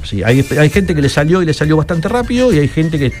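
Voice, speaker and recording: A man's voice: on the high side, big pitch swings, quick pace, a little mellow, faint music behind. A man from Italy, a radio guest who explains citizenship matters with many restarts and repeated words. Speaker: guest advisor on Italian citizenship.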